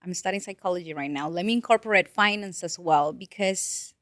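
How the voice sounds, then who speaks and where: The Peruvian financial advisor, a native Spanish speaker in her late twenties, speaks fairly quickly in a lowish voice as an interview guest. She tells her story earnestly and with animation, restarting now and then, in a casual conversation. Clean studio sound, no room sound.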